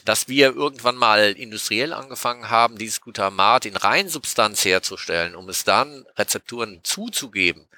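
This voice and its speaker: Bright-voiced man explaining food science. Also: fairly low pitch, expressive, normal speed, hardly any pauses, no room sound. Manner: explains patiently in a lecturing tone, with frequent 'äh' and 'ähm' hesitations. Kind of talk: casual explanatory podcast talk.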